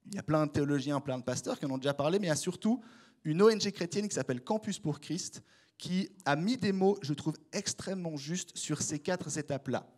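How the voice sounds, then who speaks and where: Lively young male preacher, Swiss French. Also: fairly high pitch, fairly quick. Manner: animated, conversational, addresses the congregation directly. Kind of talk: casual sermon.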